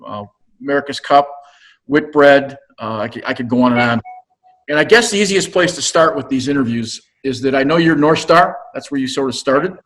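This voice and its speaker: A man's voice: medium pitch, expressive, fairly quick, fairly bright tone. A man hosting an interview, asking loose, rambling questions with frequent restarts. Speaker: host.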